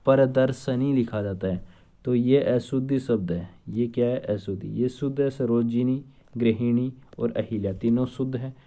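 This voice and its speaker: Quizzing male teacher, dark voice. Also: medium pitch, moderate pace. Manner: drills students with repeated questions and answers. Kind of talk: exam-prep spelling lesson.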